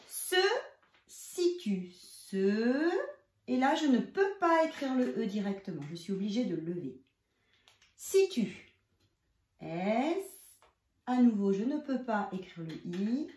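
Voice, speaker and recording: A woman's voice: sits high, darkish tone. A woman teaching young children to write a letter, explaining each stroke step by step and speaking directly to the child. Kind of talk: handwriting lesson for young children. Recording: roomy, echoey room.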